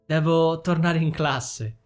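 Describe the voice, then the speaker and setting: A man voicing a young woman teacher who speaks softly and a little hesitantly, slightly above his own pitch. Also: takes it slowly, soft background music. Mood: tentative.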